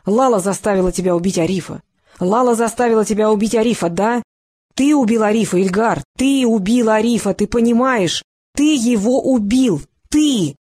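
A reader voicing a cold, mocking male interrogator in an audiobook who needles and shouts down a suspect. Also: mid-range voice, moderate pace, lightly acted. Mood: shouting. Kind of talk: audiobook character reading.

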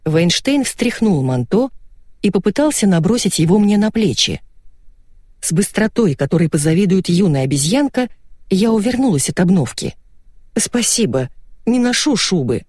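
A woman reading a first-person novel aloud, lively and expressive. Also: mid-range voice, normal speed, no echo, clean studio sound. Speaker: audiobook reader.

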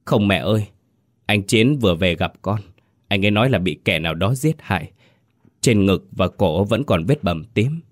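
A man's voice: lowish voice, expressive, normal speed, close to an everyday voice. A man voicing a desperate young widow pleading in a ghost story. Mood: insistent. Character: frantic grieving young wife.

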